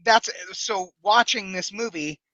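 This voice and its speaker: A man's voice: sits high, a little slow, pushed and bright, dry recording, muffled recording. A man co-hosting a casual movie podcast, eager and playful, often jumping in. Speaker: podcast co-host.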